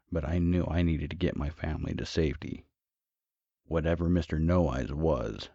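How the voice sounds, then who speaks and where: Man, very deep voice, gravelly, husky, horror story narration, dry dull recording. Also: a little mellow, no echo. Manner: measured, dramatic.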